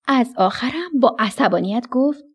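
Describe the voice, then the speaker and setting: A woman narrates a bedtime story for children on the radio, addressing them with warmth and animation. Her pitch is fairly high, with a breathy edge.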